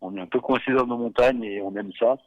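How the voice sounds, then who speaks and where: A man in his forties from Savoie, talking casually as a podcast guest, relaxed and hesitant, with many fillers and little chuckles. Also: mid-range voice, fast talker, narrow, tinny audio. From Savoie, France. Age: 40s. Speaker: guest, beer company founder.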